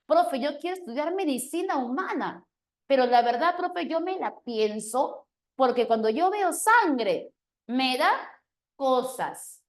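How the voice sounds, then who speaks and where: A woman's voice: high-pitched, animated, takes it slowly. A woman voicing a hesitant young male student who pleads with his teacher. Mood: pleading.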